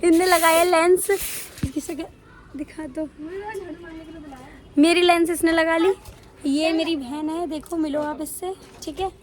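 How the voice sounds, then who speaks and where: Hoarse young woman vlogging, high voice. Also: steady tone, a little slow, long pauses. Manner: chatty, playful, addresses viewers directly. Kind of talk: casual vlog chat. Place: home rooftop with family around. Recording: crowd of family chatter behind.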